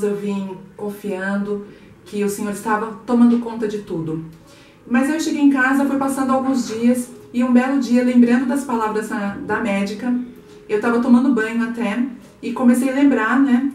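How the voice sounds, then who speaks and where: Earnest woman in echoey room. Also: fairly high pitch. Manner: soft, earnest, unhurried storytelling with pauses. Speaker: vlogger sharing a personal testimony. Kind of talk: heartfelt personal testimony. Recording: echoey room, mic a bit far.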